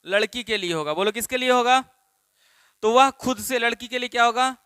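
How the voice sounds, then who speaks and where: A man's voice: very high-pitched, brisk, sharp tone, clear, resonant tone, dry recording. A man from Bihar with a Bihari Hindi accent, teaching a spoken English class and asking the students the same questions again and again. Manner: repetitive questioning, drills students. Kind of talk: classroom lesson.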